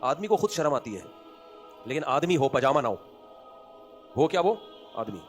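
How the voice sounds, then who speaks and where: A man with a Pakistani Urdu accent giving an Islamic sermon, swinging between loud emphatic points and quiet asides, asking rhetorical questions and answering them himself. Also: fairly high pitch, big pitch swings, normal speed, soft background music. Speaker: religious scholar giving a lecture.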